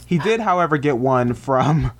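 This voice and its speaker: Sassy, animated man co-hosting. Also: mid-range voice, normal speed. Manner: sassy, animated, calls others "girl". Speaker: podcast co-host. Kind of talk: casual chat.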